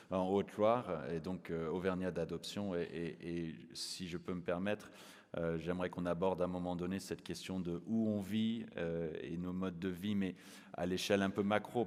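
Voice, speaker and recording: A man's voice: low-pitched, darkish tone. A man raised in the United States hosting a public conversation, polite and hesitant with frequent fillers and restarts. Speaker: interviewer. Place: opera house stage. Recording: long hall reverb.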